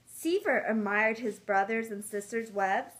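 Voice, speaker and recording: A woman's voice: mid-range voice, unhurried, a bit bright. A woman reading a picture book aloud to young children, coaxing them along with simple questions. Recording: clearly noisy room.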